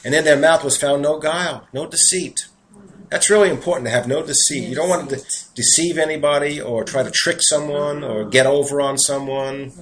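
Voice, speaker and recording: A man's voice: on the high side, fairly quick, a bit bright, low-quality recording. A man with a New York accent preaching a sermon, reading scripture aloud and breaking off into earnest, conversational asides. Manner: earnest, conversational asides between read verses.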